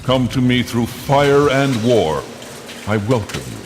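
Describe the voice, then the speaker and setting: An actor playing a calm, ancient mad god in a fantasy video game, with a smooth, deep, vast voice and slow, grandiose, welcoming delivery. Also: male voice. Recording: game audio under loud rumbling noise.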